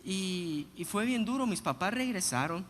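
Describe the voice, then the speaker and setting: A man preaching a sermon, telling personal stories in an animated, humorous way. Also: high-pitched, moderate pace. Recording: long hall reverb, faint background noise.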